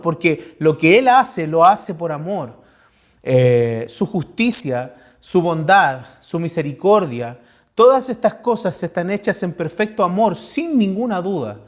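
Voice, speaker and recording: Earnest high-voiced Chilean pastor preaching. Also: male voice. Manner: earnest, asks the listeners direct questions. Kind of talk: sermon.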